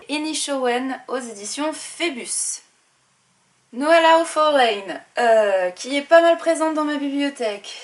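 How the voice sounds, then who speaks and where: Chatty woman book vlogger, fairly high voice. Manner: listing titles and publishers with asides, some fillers. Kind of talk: casual book haul presentation.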